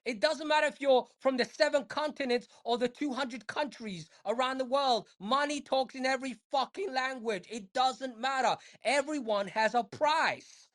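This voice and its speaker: A woman's voice: high voice, normal speed, few pauses. A woman in casual podcast chat, emphatic and profane, repeating her points to drive them home.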